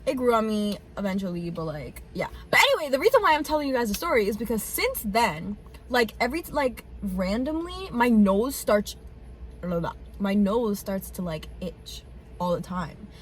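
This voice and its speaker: A woman's voice: mid-range voice, big pitch swings, a little hiss or hum. A woman in her twenties telling a long story in casual chat, full of "like" fillers and swearing. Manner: fast chatty storytelling, many "like" fillers, swears. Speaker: co-host.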